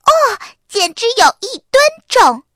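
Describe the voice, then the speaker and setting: A woman voicing a cheeky, bossy little sister in a children's storybook, exclaiming in a high voice. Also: very animated, measured pace, sharp tone, no room sound, studio quality, exaggerated voice. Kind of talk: children's audiobook reading.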